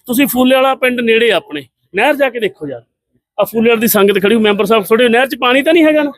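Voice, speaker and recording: Combative politician, high and dry. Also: male voice, animated, quick pace, a bit bright, no room sound. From Punjab, India. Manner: combative, scornful, rhetorical questions. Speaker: politician giving a press statement. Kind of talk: impassioned political statement to press.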